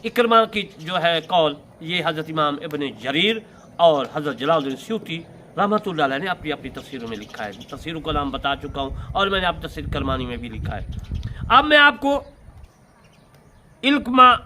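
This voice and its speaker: A man preaching a religious lecture, explaining word meanings with emphatic, drawn-out words and repeated points. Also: on the high side, animated, pushed and bright, a little hiss or hum. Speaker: Islamic preacher explaining scripture commentary. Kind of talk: sermon-style religious lecture.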